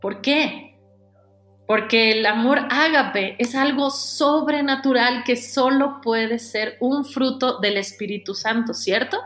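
A woman's voice: slow, soft background music. Woman preaching in an echoey hall. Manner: animated preaching, acts out dialogue in lowered voice. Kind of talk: sermon.

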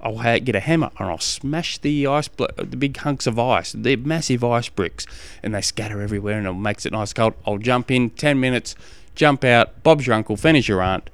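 A man with an Australian accent giving casual coaching advice as a podcast host, halting and often repeating phrases as he explains. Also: medium pitch, clear, resonant tone, dry recording.

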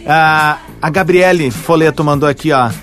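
A man's voice: fairly high pitch, normal speed, fairly bright tone, faint music behind. A man in his forties with a southern Brazilian accent, bantering playfully and slangily as a morning radio host. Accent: southern Brazilian, Porto Alegre area. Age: 40s. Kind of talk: casual live radio banter.

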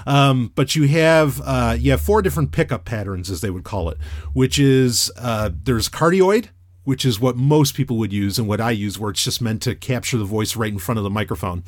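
A podcaster with a loud, radio-trained, mid-range voice chats casually while reviewing a microphone, animated and at normal speed. He rambles with many fillers and restarts, and the studio-quality recording has no room sound.

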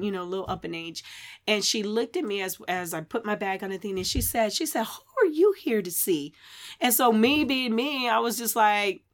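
A woman co-hosting a faith podcast, chatting casually and telling an animated story. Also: medium pitch. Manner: animated storyteller, bursts into loud laughter. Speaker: podcast co-host. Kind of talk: casual chat. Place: live-streamed podcast session.

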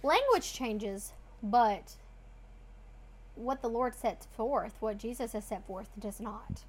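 An earnest woman co-hosts a casual faith chat, explaining her points with a teaching tone. Her voice sits a little high. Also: lively intonation. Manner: earnest, teaching tone with quick asides. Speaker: co-host.

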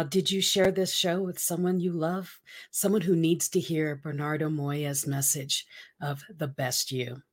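A woman in her fifties hosting a talk show, upbeat and laughing often as she chats. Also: low voice. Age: 50s. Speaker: host. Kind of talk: casual talk show chat.

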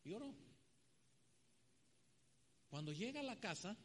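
A man with a high voice preaches a sermon in church at an unhurried pace, with big-room sound and a little hiss or hum. He's an animated storytelling preacher who tells stories and acts out the voices of the people in them.

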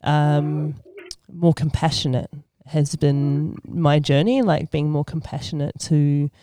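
A woman's voice: low voice, fairly even intonation, slow pace, warm tone. A woman in her forties from Australia, a podcast guest speaking in a thoughtful, hesitant way with many ums. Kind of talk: casual podcast chat.

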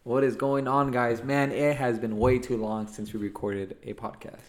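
A man's voice: mid-range voice, level tone, normal speed. A young man co-hosting a podcast in casual chat, upbeat and teasing, laughing often. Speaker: podcast co-host.

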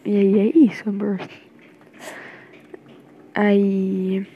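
A woman's voice: mid-range voice, flat delivery, extremely slow, slightly rough, dull audio. A young woman with a Brazilian accent recording a rambling, nervous, affectionate voice message for her girlfriend. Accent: Brazilian Portuguese. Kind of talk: intimate personal voice message.

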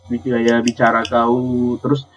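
A man's voice: medium pitch, little pitch movement, normal speed, faint music behind, rough recording. A man in a casual podcast chat, teasing his friends and prompting them with questions.

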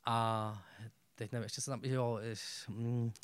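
A man's voice: mid-range voice, little pitch movement, clean tone, no room sound. A young man chatting as a talk show guest, rambling along with many fillers and restarts. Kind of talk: casual chat.

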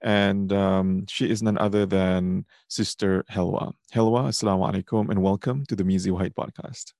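A man's voice: sits low, steady tone, moderate pace, vocal fry, a little mellow, dry recording, clean studio sound. A man from Singapore with a Singaporean accent, hosting a conversational podcast. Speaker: podcast host.

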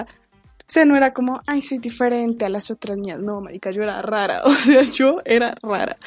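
A podcast host in her twenties with a Colombian accent tells stories casually, chatty and slangy, acting out quotes in a higher voice. Her tone is darkish, and there's no room sound.

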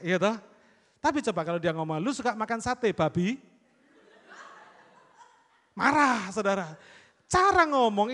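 A man preaching a sermon, emphatic and direct, often turning to the congregation and acting out little quoted lines. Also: high voice. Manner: emphatic, repeatedly addressing the congregation; acts out quoted lines in exaggerated tones. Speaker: pastor. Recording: long hall reverb.

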